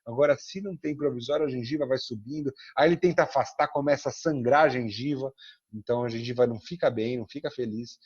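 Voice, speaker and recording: A man's voice: mid-range voice, fast talker, breathy edge. A man with a Brazilian Portuguese accent teaching an online dental prosthetics class, acting out talks with dentists and patients and ending his sentences with a questioning tag. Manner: animated, acts out dialogues with dentists and patients; tags sentences with frequent "né?". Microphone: computer mic on a video call. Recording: dull lo-fi video call audio.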